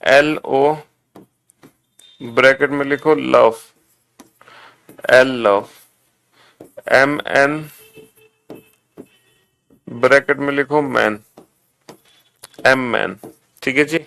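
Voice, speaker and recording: A man teaching an online exam-prep lesson, drilling students slowly and repetitively, calling them beta. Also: medium pitch, creaky, a bit bright, clean tone, faint music behind.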